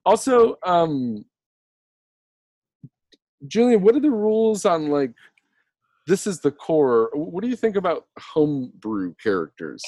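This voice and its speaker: A man's voice: high voice, sing-song, a little slow, long pauses, a little mellow, dry recording. A man hosting a casual chat, joking, rambling and laughing often.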